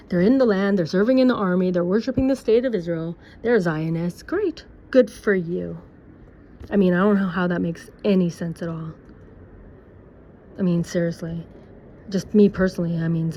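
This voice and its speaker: A woman's voice: on the low side, dark tone, a little hiss or hum. Sarcastic rambling woman vlogger. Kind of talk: personal opinion monologue. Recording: dull lo-fi recording.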